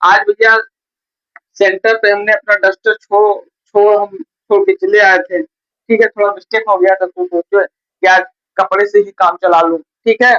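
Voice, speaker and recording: At the board of a coaching classroom, a male teacher leads a reading lesson in a high, level voice at a measured pace. Patient and repetitive, he often says "theek hai" and "bhaiya," captured in dull lo-fi sound.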